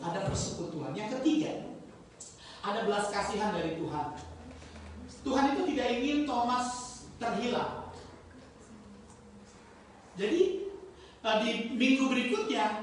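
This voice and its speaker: A male pastor delivering a sermon with stories, moving from quiet confiding to loud exhortation. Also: high voice, animated, normal speed, long pauses, slight background noise. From Indonesia. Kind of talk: sermon with storytelling. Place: church hall. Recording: echoey hall, picked up from a distance.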